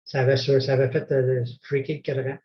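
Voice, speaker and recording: Coach québécois jovial au son étouffé. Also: male voice, mid-range voice, little pitch movement, fairly quick, reverberant, slight background noise. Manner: jovial, encouraging. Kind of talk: casual chat. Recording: dull lo-fi sound.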